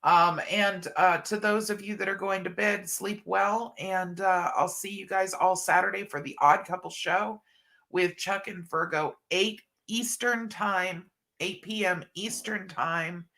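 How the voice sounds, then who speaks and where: Sounding congested and a bit scratchy from allergies, a middle-aged woman hosts a casual livestream, reading comments and warmly calling viewers hun and honey. Her mid-range voice is gravelly and a bit bright, with fairly even intonation and a measured pace.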